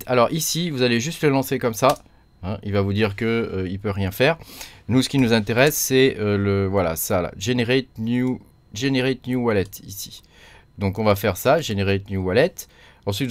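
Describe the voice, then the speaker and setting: A man's voice: on the low side, no room sound. A man talks through a computer tutorial in a casual, chatty way, full of fillers and little tags. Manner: chatty, many fillers and tag "hein". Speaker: crypto mining tutorial host. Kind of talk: casual screen-recorded tutorial.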